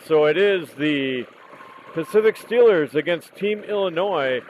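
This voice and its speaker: A man calling a junior women's hockey game play by play, hoarse from losing his voice, calm and unhurried, correcting himself now and then. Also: on the high side, slight background noise, poor audio. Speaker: play-by-play commentator. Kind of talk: live hockey commentary. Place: outdoor rink in cold weather.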